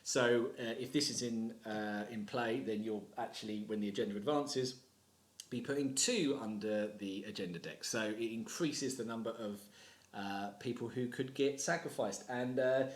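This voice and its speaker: A man cutting in on his own playthrough to explain a card in a brisk, explanatory way. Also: mid-range voice, reverberant. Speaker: card game player. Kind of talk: recorded aside explaining a card.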